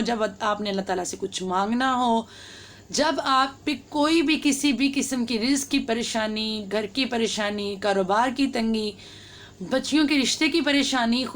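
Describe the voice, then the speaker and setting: A woman giving earnest devotional advice, urging listeners on and slowing down to spell out words. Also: on the high side. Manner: urging and reassuring, slows to spell out recitation. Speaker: religious YouTube host.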